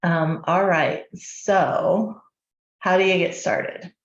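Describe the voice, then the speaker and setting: A woman's voice: lowish voice, steady tone, very slow. A woman instructor giving an online course talk in a conversational way, with frequent ums and rhetorical questions to her listeners. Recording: roomy, muffled audio.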